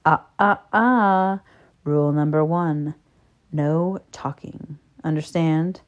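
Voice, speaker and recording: A woman doing a low, hushed commanding man. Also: dull audio. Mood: stern, hushed. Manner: quiet, low, slow commands.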